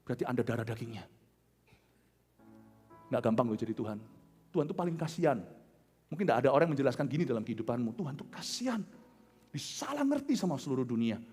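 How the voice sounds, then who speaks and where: A middle-aged man with an Indonesian accent preaching a sermon as a pastor, telling stories with loud outbursts and soft low asides. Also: sing-song, quick pace, pauses often, breathy edge, faint music behind. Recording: large hall with long reverb.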